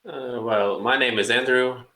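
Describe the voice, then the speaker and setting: A man from Ukraine, in English, co-hosting a casual podcast and talking in a halting way with many fillers. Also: mid-range voice, steady tone, pushed and bright, reverberant, poor audio. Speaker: podcast co-host. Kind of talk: casual chat.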